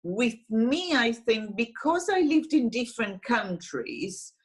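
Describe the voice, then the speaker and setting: A woman in her forties with an Israeli accent, a singer-songwriter talking slowly and thoughtfully on a video call interview. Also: fairly high pitch, sing-song, breathy edge. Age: 40s. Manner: slow and thoughtful, with frequent restarts and laughs. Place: small room at home, indoors.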